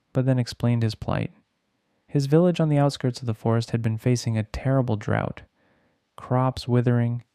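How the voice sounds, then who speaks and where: Male bedtime-story narrator: mellow, clean and resonant, measured delivery with dramatic pauses. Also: mid-range voice, clean tone, no echo, studio quality.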